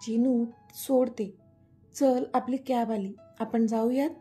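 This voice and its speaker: A woman's voice: on the high side, steady tone, slow pace, warm tone, husky, soft background music. A woman voicing a protective young mother who scolds and soothes her child. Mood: soothing. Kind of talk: storybook dialogue reading.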